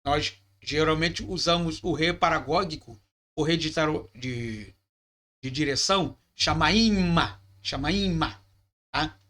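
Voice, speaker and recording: Male teacher, bright and slightly high voice, patient step-by-step lecturing that checks in with the class. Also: measured pace. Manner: explanatory, checks in with "tá?" and "ok?". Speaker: Hebrew teacher.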